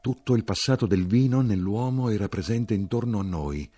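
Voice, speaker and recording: A man narrating a literary audiobook in a measured, evocative way. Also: on the low side, dark tone, soft background music.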